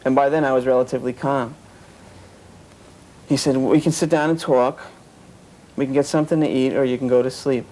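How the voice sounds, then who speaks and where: A man's voice: medium pitch, steady tone, brisk, pauses often, darkish tone, low-quality recording. A man telling an earnest personal story about his past, often quoting what others said. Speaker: interviewee. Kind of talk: personal account of cult experience.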